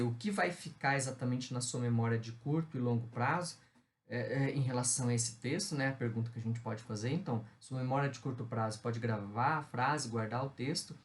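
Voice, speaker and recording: A middle-aged man with a Brazilian Portuguese accent, giving a recorded university lecture in an explanatory tone with frequent fillers. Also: mid-range voice.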